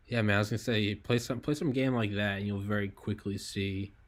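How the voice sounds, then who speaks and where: A young man in casual chat who is laid-back and swears freely, adding quick jokey asides. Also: on the low side, steady tone, a bit bright.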